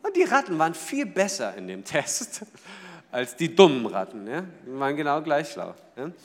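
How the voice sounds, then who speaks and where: A man preaching a sermon in a lively way, asking the audience questions and acting out small everyday scenes. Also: a little high, normal speed, in a large hall. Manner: lively, asks the audience rhetorical questions, acts out little scenes. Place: church hall.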